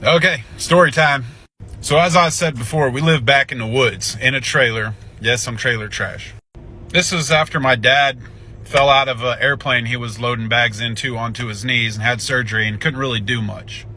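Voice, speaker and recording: A young man telling family stories in a casual, animated, folksy way, with some swearing. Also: mid-range voice, moderate pace, a little hiss or hum. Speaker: storyteller. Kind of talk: casual storytelling.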